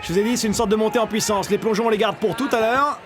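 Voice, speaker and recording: A man commentating wrestling as an excitable lucha libre announcer, with cheeky, mocking banter. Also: high-pitched, quick pace, a crowd in the background, noisy background.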